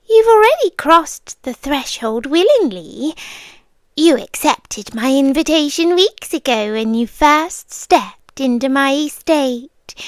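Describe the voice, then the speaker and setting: With no room sound, a high-pitched British woman gives a heavily acted turn as a centuries-old vampire countess in a girlfriend ASMR roleplay. She sounds possessive and adoring, intimate and theatrical, frequently sliding into a whisper.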